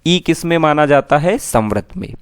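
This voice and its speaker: A man's voice: fairly high pitch, animated, normal speed, clean tone, no room sound, studio quality. A man teaching an exam-prep lesson who asks his students questions and then answers them himself.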